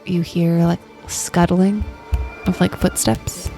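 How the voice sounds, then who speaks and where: A woman game master improvising scene descriptions for a tabletop game in a hesitant, halting way. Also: fairly low pitch, level tone, creaky, mellow. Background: music.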